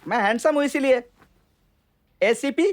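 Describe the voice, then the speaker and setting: A man's voice: extremely high pitch, measured pace. A man voicing a boastful, cowardly government clerk in a dubbed action film, blustering and whiny. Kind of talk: Hindi film dubbing.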